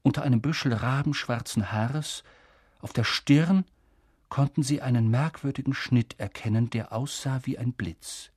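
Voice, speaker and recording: A man narrating an audiobook in a calm, even storytelling manner. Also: medium pitch, a little slow, breathy edge, no room sound, clean studio sound. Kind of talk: scripted narration.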